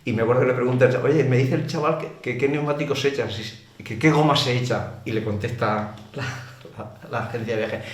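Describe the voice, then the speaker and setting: A fast, mid-range male voice belongs to an older former racer speaking Spanish with an accent from Spain. As an interview guest he chats through anecdotes, colloquial and exclamatory. Echo fills the room and background noise is plainly heard.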